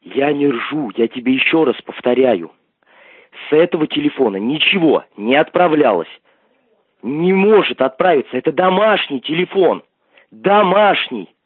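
A man's voice: on the high side, expressive, normal speed, husky, no room sound. A man heard over a landline phone, answering bluntly and insisting on the same point again and again. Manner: blunt, insistent, keeps repeating himself. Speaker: call recipient. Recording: tinny, dry phone line.

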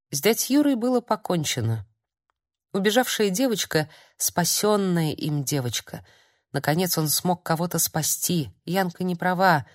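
A woman narrating an audiobook in a measured storytelling manner. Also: lowish voice, no room sound, studio quality. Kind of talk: scripted narration.

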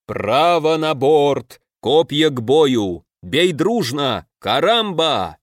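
A man voicing a calm, commanding half-orc king and captain in an audiobook. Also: medium pitch, a little slow, dry recording, studio quality, natural voice.

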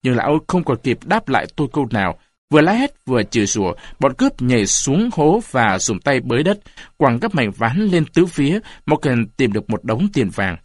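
A man narrating a story aloud in an expressive reading style. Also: medium pitch, moderate pace, no room sound. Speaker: audiobook narrator.

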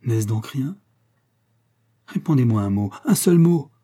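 A man's voice: medium pitch, lively intonation, unhurried, dark tone, breathy edge, pitched above the performer's own voice. A man playing a heartbroken young suitor. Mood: passionate imploring. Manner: passionate, imploring.

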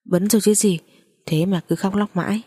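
A woman's voice: medium pitch, fairly even intonation, moderate pace, warm tone, breathy edge, close to an everyday voice. A woman voicing a pushy, possessive adult man, speaking in an insistent, coaxing way.

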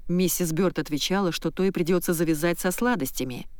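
A woman narrating an audiobook in the first person, in a wry, lively storytelling manner. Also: on the low side, brisk, dry recording.

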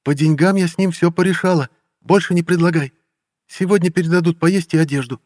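Guy doing a high shaky bitter ex-wife voice, scornful and teary, dry close mic. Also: fairly quick, no room sound, close to an everyday voice. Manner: scornful, sharp, trembling with anger. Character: bitter tearful ex-wife, woman in her thirties.

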